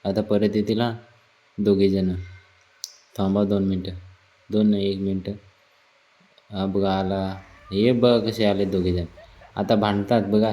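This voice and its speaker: A man narrates his vlog in a relaxed, teasing way, joking about the kids and friends in his shots. His voice sits low and sounds mellow and warm. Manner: chatty, teasing, playful narration. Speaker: vlogger working at a water park resort. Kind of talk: casual vlog commentary.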